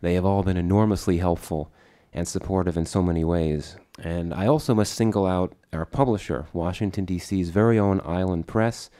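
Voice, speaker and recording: A man's voice: deep voice, moderate pace, few pauses, dark tone. A man with a congested, slightly distorted head-cold voice gives a formal prepared speech at a book launch. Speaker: book co-editor, speaker at launch. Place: conference room before an audience.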